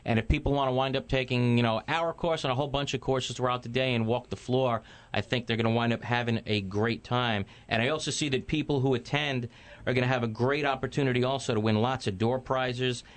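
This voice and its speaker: A man's voice: medium pitch, fairly even intonation, fairly quick. A man hosting a call-in radio talk show, addressing listeners and interviewing guests. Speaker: radio host, attorney.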